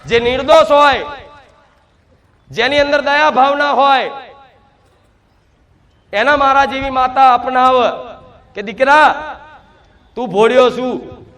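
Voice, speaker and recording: Man preaching in a really high voice, speaks as the goddess, keeps firing off questions. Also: slow pace, pauses often, a bit bright. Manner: preaches in first person as the mother goddess, addressing devotees; fervent, repeats rhetorical questions. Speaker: devotional preacher. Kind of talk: sermon.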